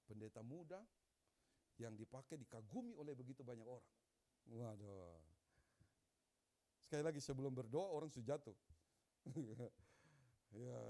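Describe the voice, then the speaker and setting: Pastor guy preaching, tells stories, gets loud and fired up at times. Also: mid-range voice, creaky. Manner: storytelling preacher, rising to loud emphatic bursts. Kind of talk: sermon.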